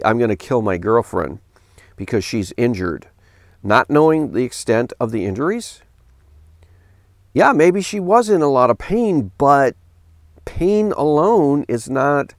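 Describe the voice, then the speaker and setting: A man's voice: no echo, clean studio sound. A middle-aged man, a pastor, reading a news article aloud and stopping to question it in an earnest voice, at a desk in a home office. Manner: earnest, questioning, reads quotes in a lower flat tone. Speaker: pastor commentator.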